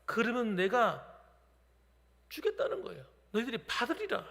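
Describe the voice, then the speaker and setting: A middle-aged male pastor preaches with a high, gravelly voice that swoops up and down as he tells the story. His sermon rings through a church sanctuary with a long reverb trailing each phrase. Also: very animated, moderate pace, bright, forceful tone.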